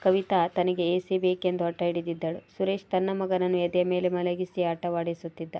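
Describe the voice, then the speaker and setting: A woman narrating a moral storybook tale in a steady, even read-aloud manner. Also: on the low side, normal speed.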